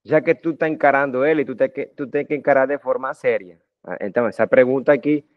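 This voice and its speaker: Speaking fast in a middling pitch, a middle-aged Colombian math lecturer with a Spanish-speaker's accent talks to his students casually and often, checking in with tag questions. The close, dry recording has no echo and a muffled, dull lo-fi tone.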